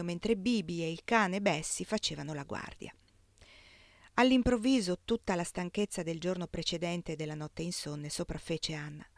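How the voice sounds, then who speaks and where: A woman narrating a novel as an audiobook reader, in a steady, measured way. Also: on the low side, no room sound, clean studio sound.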